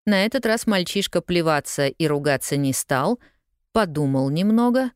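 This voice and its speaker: A woman reading an audiobook in a measured, expressive way. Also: fairly low pitch, clean tone, no room sound, clean studio sound. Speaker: audiobook narrator. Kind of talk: scripted audiobook narration.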